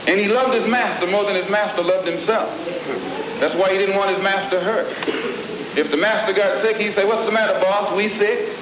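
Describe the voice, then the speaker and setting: A man delivering a speech to an audience in rhythmic, measured oratory with pointed emphasis, from an old archival recording. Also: sits high, fairly even intonation. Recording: old echoey, dull, noisy hall recording.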